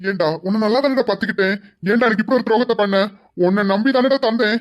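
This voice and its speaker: A betrayed middle-aged father in a drama, voiced by a performer, loud and accusing with an even, middle pitch. He presses his old friend hard and will not let the matter drop. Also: fast, muffled recording, close to an everyday voice. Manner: accusing, demanding.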